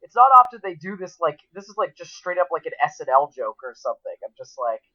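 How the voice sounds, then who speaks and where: A man's voice: on the high side, sing-song, fast talker, bright, forceful tone. Eager male co-host on a dull mic. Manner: enthusiastic, rambling, with many fillers. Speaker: podcast co-host. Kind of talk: casual chat.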